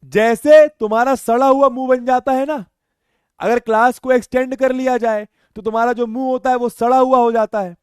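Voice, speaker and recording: A man's voice: very high-pitched, steady tone, moderate pace, clear, resonant tone, no echo, studio quality. A man teaching maths in a live online class, joking and teasing his students and mixing in English phrases.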